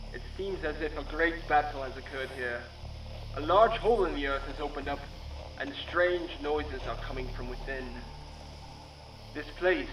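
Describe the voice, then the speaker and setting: A man playing a distraught, disoriented scientist recording a halting, dramatic audio log for a zombie game. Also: fairly high pitch, pushed and bright. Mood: bewildered. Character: distraught, disoriented male scientist stranded in ruins. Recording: roomy, distant, noisy radio log.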